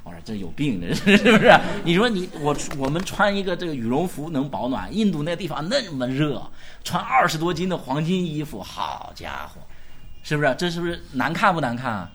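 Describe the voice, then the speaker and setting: A male pastor preaching a sermon at a church gathering, animated, firing rhetorical questions and urging the congregation to answer loudly. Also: on the high side, brisk.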